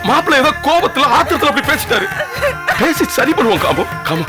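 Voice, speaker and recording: Brief: earnest pleading brother, high and quick, clear score behind. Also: male voice, big pitch swings, full character voice. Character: pleading older brother defending his sister. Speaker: older brother. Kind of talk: TV serial acting. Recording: background score music. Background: background score music.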